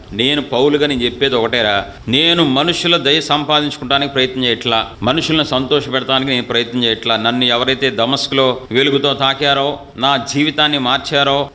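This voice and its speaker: A man's voice: mid-range voice, sharp tone. A male pastor preaching a fiery sermon, scolding with rhetorical questions and acting out quoted voices. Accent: Telugu.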